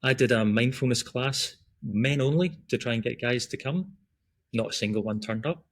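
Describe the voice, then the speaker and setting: This middle-aged man from Glasgow speaks with a Scottish accent in a mid-range voice at a moderate pace. As a breath work and running coach guesting on a casual podcast, he rambles chattily and keeps restarting, dropping plenty of ums.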